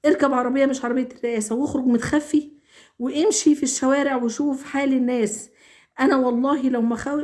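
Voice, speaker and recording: A woman's voice: high-pitched, darkish tone. A woman with an Egyptian accent making an earnest, emotional appeal straight to her viewers. She pleads, repeats herself and stammers over words. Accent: Egyptian Arabic. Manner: stammers and restarts when upset. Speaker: vlogger. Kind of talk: emotional direct-to-camera appeal.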